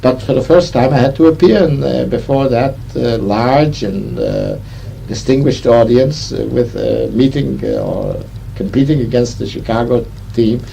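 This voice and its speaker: Older man, creaky, mellow, hesitant, non-native English speaker. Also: mid-range voice, moderate pace. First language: not English. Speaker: rabbi being interviewed. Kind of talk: reminiscing oral-history interview. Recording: noisy interview recording.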